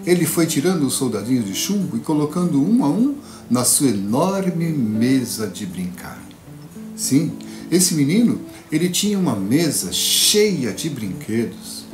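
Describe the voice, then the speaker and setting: A man telling a classic fairy tale to children, playful and dramatic, with long pauses. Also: mid-range voice, big pitch swings. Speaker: storyteller. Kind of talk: children's storytelling performance. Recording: echoey room with guitar music.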